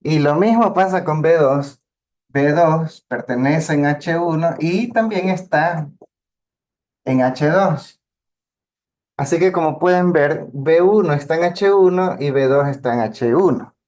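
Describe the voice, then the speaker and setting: A man's voice: on the high side, measured pace, a little mellow. A man teaching a math lesson, explaining patiently step by step and checking in with his students. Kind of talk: lecture on linear algebra.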